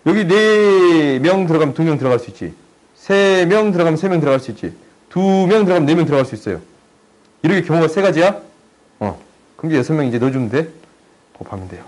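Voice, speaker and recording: Husky-voiced man teaching math casually. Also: fairly high pitch, darkish tone, low-quality recording. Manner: chatty, teasing, asks students for agreement. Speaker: math tutor. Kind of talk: casual online math lesson.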